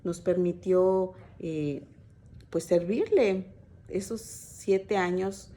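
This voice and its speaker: A woman's voice: lowish voice, drawn-out words, warm tone. A woman giving an informal sermon to a church women's group, talking hesitantly with many fillers and restarts and telling stories to her sisters in faith. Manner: conversational storytelling, addressing listeners as sisters. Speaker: women's Bible teacher at church.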